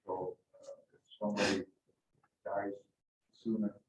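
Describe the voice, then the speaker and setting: A man in a casual group discussion, talking in a tentative, halting way. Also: lowish voice, completely flat delivery. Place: indoor room at a book club meeting. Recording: echoey room, distant mic, dull and noisy.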